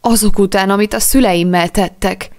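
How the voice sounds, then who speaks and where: A woman's voice: mid-range voice, steady tone, close to an everyday voice. A woman reading a grieving, bewildered teenage boy in an audiobook, his lines raised and pleading. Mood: bitter.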